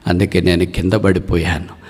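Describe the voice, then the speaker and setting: A male preacher voicing a wounded eagle king who laments his fall, his voice climbing into high emotional cries. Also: flat delivery, normal speed, darkish tone, big-room sound. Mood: lamenting.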